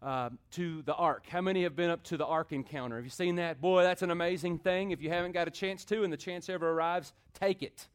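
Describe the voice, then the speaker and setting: High-voiced preacher. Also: male voice, brisk, hardly any pauses, smooth. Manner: rhythmic repetition with call-and-response asides; swings from loud build-ups to quiet intimate talk. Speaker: pastor. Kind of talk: sermon.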